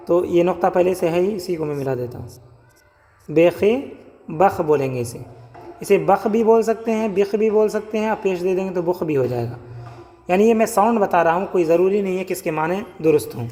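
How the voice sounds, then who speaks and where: A man teaching how to write Urdu letters step by step, spelling out and repeating each letter sound slowly. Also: sits high, a little mellow. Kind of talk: step-by-step writing lesson. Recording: long hall reverb.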